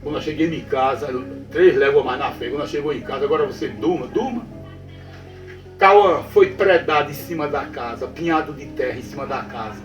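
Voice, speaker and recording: A man's voice: a little high, brisk, hardly any pauses, dull audio. A man with a Northeastern Brazilian accent telling a ghost story to a listener, repeating phrases and often checking that the listener is following. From Brazilian Northeast backlands. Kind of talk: spoken folk tale told to a listener. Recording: roomy sound from a distant mic with faint music.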